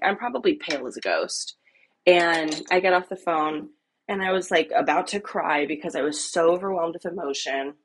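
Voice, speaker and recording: A woman's voice: low-pitched, slightly rough. A woman in her thirties telling a casual, rambling story while out on a walk, full of "like" and "um". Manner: rambling, filler-heavy, conversational. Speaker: vlogger. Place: outdoors on a walk.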